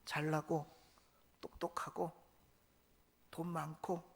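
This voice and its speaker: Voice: mid-range voice, flat delivery, takes it slowly, creaky, husky. A pastor preaching a sermon in a church, emphatic and colloquial, full of rhetorical questions. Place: church sanctuary.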